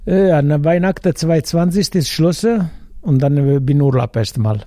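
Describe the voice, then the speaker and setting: A man from Italy with an Italian accent, a pizza stand owner answering interview questions haltingly, with many fillers. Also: fairly high pitch, expressive, warm tone, no room sound, clean studio sound. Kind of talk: casual interview chat.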